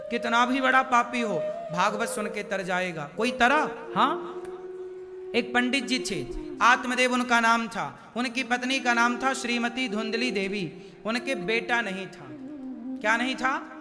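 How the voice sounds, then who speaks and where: High-voiced man preaching in a hall. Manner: high-pitched storytelling, chants verses. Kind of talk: devotional story sermon. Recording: live hall with reverb and music.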